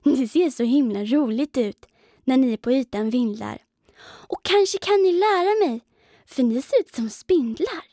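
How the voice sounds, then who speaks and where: Woman putting on a squeaky little spider boy. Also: dry recording, clean studio sound. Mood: excited. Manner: high excited calling. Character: small frightened boy spider lost on a lily pad.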